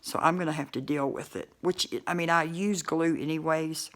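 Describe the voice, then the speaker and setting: A woman's voice: deep voice, fairly even intonation, normal speed, a bit bright. A woman vlogging casually to camera, her speech thick and muffled by a bulky denture, rambling with many fillers and restarts.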